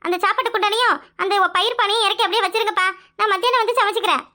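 A woman voicing a stern, dutiful young unmarried village woman in a cartoon, curt and sharp-tongued, with a southern Tamil accent. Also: very high-pitched, rapid-fire. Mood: pleading. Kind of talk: cartoon voice acting.

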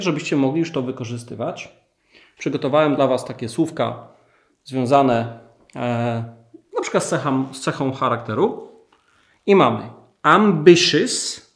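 Slow, animated male teacher with a gravelly voice. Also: mid-range voice, reverberant. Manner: slow, drawn-out model phrases with questions to the viewers. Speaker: English teacher. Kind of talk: language lesson for learners.

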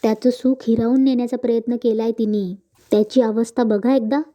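An insistent, accusing middle-aged mother, as a woman reads her lines in a serial recap. The voice stays flat and fairly high. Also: a little fast, close to an everyday voice.

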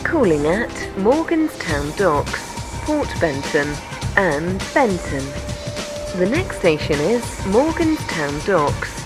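Woman, automated train announcer, spliced-together words, low voice, slow. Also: big pitch swings, over music. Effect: spliced-together recorded announcement words.

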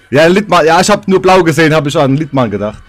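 Excitable male streamer with a lively high voice. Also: a little fast, soft background music. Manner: excitable, with outbursts and laughter. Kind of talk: live gameplay commentary.

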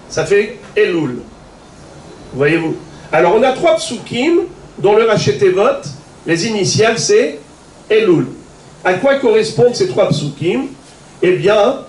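A man's voice: sits high, distant mic. A man, a rabbi, giving a religious lesson, explaining step by step and asking rhetorical questions as he goes. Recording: echoey room, voice from afar, faint noise.

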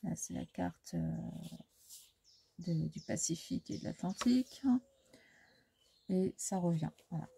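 A woman talking through a craft supply haul in a casual, hesitant way, pausing often on fillers and correcting herself. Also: on the low side, gravelly, mellow, a little hiss or hum. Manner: hesitant, full of "euh" fillers; self-correcting as she goes. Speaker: scrapbooking vlogger. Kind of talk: casual show-and-tell haul.

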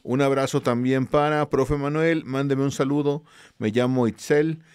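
A man's voice: medium pitch, fairly even intonation, normal speed, darkish tone, smooth, no echo. A man with a Mexican accent, a teacher casually greeting students and reading their messages aloud in a slangy, easygoing way. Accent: Mexican Spanish.

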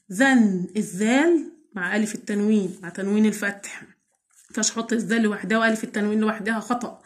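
A woman teacher with an Egyptian accent gives a recorded school lesson, breaking words into syllables slowly and answering her own questions. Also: mid-range voice. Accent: Egyptian Arabic. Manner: slow, drawn-out syllable-by-syllable spelling; asks questions and answers them herself. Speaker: primary school Arabic teacher.

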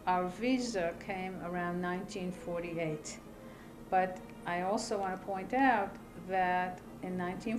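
An older woman from Iraq telling her life story in an interview, seated at a table in a small room, speaking calmly and deliberately with pauses between phrases. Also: lowish voice, noisy background. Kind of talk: measured personal testimony.

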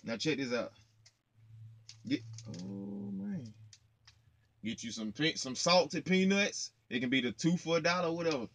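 A trucker in his twenties vlogs from his parked truck cab, a small indoor space, talking straight to viewers through a close phone camera. His voice is on the high side, fairly bright and gravelly, animated yet unhurried with long pauses, and his chat is slangy, playful and casual.

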